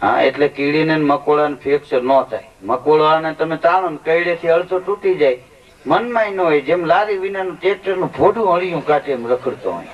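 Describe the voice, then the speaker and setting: A man telling comic stories on stage at a folk show, with lively joke-telling and quoted dialogue. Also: a little high, a little fast. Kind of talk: stage storytelling comedy. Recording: lo-fi live recording from a distance.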